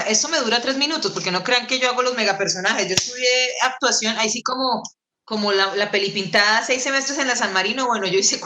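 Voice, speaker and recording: A woman with a Colombian accent gives a lecture on a video call. She talks in a theatrical, playful way, with a bright and lively tone and a slightly high voice. Her small room sounds echoey. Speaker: storyteller giving a lecture. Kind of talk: animated lecture.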